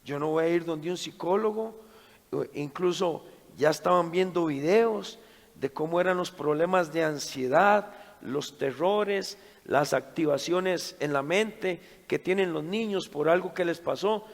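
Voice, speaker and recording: A middle-aged man delivers a sermon built around a dramatic personal story, moving between hushed passages and loud bursts. His voice is gravelly and sits a little high. The sound carries a long reverb from a church hall. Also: measured pace. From Costa Rica. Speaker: preacher at a men's conference.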